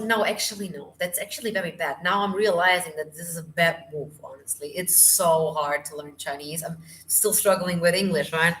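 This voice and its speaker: A woman's voice: on the low side, sharp tone. A woman vocal coach, tired, chatting through a live Q&A and hunting for English words. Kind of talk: live stream Q&A. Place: home.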